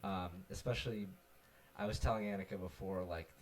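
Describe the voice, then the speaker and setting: A man co-hosting a casual chat stream, talking in an animated, rambling way with many fillers. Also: low-pitched, brisk. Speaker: podcast co-host.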